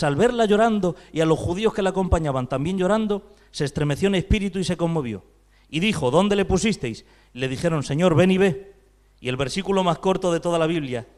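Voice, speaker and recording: High-voiced Spanish pastor preaching. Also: male voice, a little mellow. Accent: Spain Spanish. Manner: preaching with rising intensity, rhetorical questions. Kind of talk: sermon.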